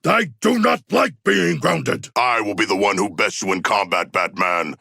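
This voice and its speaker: A man voicing a huge, earnest shark-man warrior in a video game, gravelly and husky, with stilted, grandiose, literal diction. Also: on the low side, animated, moderate pace, sharp tone, no echo, studio quality, exaggerated voice. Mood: battle-fired, shouting. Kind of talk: video game character voice lines.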